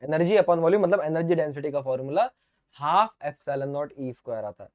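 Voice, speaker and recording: A high-voiced, middle-aged man teaching physics to exam students in an online lecture. He is lively and playful, talks to the viewers as his dear children, and stages little back-and-forths by answering his own questions the way a student would. His voice is getting a little sore from talking so much. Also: fairly quick, narrow, tinny audio. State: sore throat.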